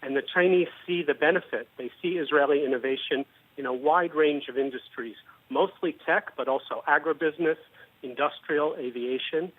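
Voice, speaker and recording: Man, guest analyst, measured and explanatory, slightly high voice, phone-line sound. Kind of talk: business news interview. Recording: tinny phone-line audio.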